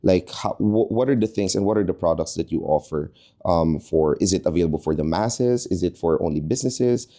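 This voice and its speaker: Filipino guy cohosting, really deep mellow voice, asks stuff in taglish. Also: a little fast. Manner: lively questioner mixing Tagalog into English. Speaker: podcast co-host. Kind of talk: casual interview hosting.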